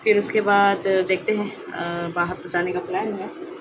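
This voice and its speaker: A woman's voice: medium pitch, flat delivery, measured pace. A young woman, a stay-at-home mom, chatting casually to camera about her chores while moving around her home, mixing in English phrases. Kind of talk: casual vlog narration. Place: home, moving between rooms. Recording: dull lo-fi phone audio with clear household noise.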